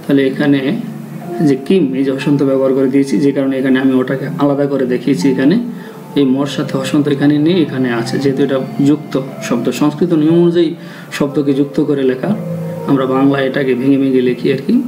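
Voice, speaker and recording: Man chanting Sanskrit verse slowly. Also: mid-range voice, little pitch movement. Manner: slow, deliberate chanting of verse. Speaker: teacher of Gita recitation. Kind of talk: explaining and chanting Sanskrit pronunciation. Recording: dull lo-fi sound with faint music.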